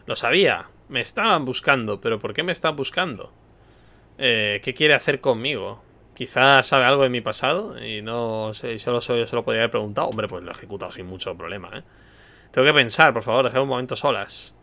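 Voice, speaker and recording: A man's voice: medium pitch, bright, forceful tone. A man with an accent from Spain, a streamer joking and commenting playfully while he plays a video game. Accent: Spain Spanish. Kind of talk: casual gameplay commentary.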